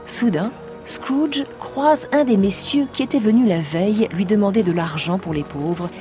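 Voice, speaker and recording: Female radio narrator, clear music under her voice. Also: medium pitch, lively intonation, moderate pace, mellow. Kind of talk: scripted narration.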